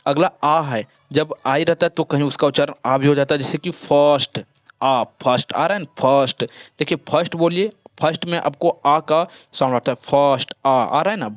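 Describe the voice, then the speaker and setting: Hindi-accented man teaching English phonics slowly. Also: a little high, no echo. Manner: repeats words slowly, drawing out sounds. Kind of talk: phonics lesson.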